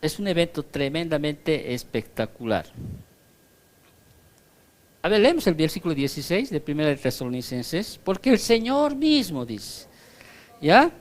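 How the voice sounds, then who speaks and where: A man's voice: fairly high pitch, very animated, measured pace, pauses often. A male pastor giving a Bible study sermon in a conversational teaching tone, explaining through comparisons and constantly checking that his listeners follow.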